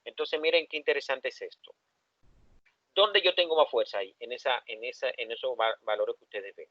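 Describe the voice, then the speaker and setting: A Dominican man teaches an engineering class in an easy, lively way, throwing questions out to his students. His voice sits at a middle pitch. The recording is dry and muffled, with little room sound. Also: brisk, no room sound. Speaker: engineering professor. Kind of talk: classroom lecture.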